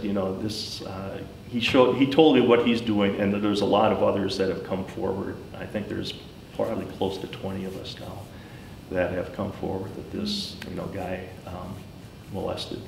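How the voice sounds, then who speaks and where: A middle-aged man giving a personal account in informal talk, speaking haltingly and pausing often mid-sentence. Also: flat delivery, gravelly. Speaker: school superintendent, former teacher. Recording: roomy, distant mic, faint rumbling noise.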